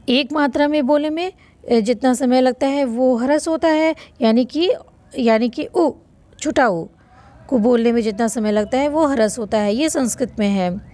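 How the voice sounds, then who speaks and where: Slow, high-voiced woman teacher. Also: dark tone, dry recording. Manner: patient, repeats rules, asks and answers own questions; stretches vowel sounds to demonstrate length. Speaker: Sanskrit grammar teacher. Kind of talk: online lesson explaining notes.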